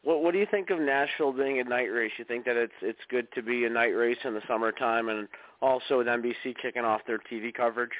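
A man asking questions in a casual sports interview, halting and repeating words as he goes. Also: mid-range voice, no echo. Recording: muffled narrow band, noisy line with clicks.

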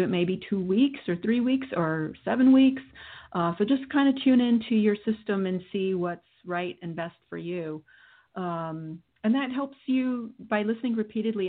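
A woman hosting a spiritual healing session, guiding listeners through meditation with soothing, deliberate phrasing and pauses. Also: medium pitch. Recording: muffled, dull lo-fi audio.

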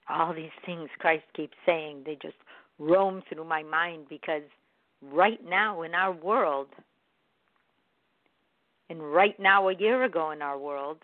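A woman giving a gentle, encouraging and reflective motivational self-help talk. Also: sits low, dry recording. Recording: dry, tinny phone-like sound.

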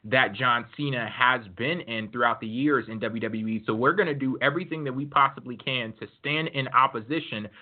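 A man's voice: medium pitch, fairly quick, hardly any pauses. A man hosting a casual wrestling podcast, easygoing and explanatory. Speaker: podcast host. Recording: thin phone-like line.

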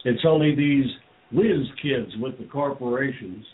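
A man's voice: medium pitch, measured pace. An older man talking bluntly and indignantly in a casual chat, swearing freely as he rails against greed. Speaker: guest. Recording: tinny phone-like sound.

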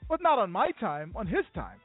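Animated high-voiced man telling a rambling story. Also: normal speed, husky. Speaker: sports talk show host. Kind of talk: casual radio chat. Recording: phone-like audio with faint music.

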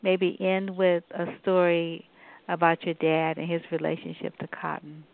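A woman radio host interviewing a guest, asking gentle, prompting questions. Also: lowish voice, completely flat delivery, moderate pace, gravelly, no echo. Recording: tinny phone-line sound.

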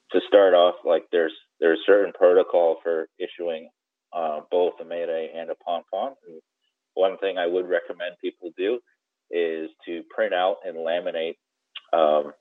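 With phone-quality sound and no room ambience, a guest boating radio expert walks the listener through steps in a conversational way, checking in often. His voice is low-pitched, his delivery flat, and his pace measured.

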